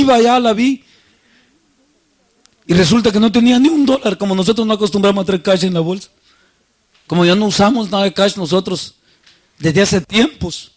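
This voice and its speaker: High-voiced preacher. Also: male voice. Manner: storytelling, acts out quoted voices, swings loud and soft. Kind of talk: sermon with personal story.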